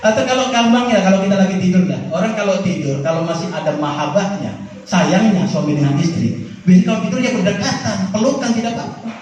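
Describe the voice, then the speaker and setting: A male preacher gives a lively sermon on parenting to mothers, his voice swinging between high and low. His tone is mellow and a little higher than most men's. The recording is dull and distant, with heavy echo from a large hall and faint noise underneath. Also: quick pace. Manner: animated, swings between high and low pitch, addresses audience as "Bu". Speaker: Islamic preacher.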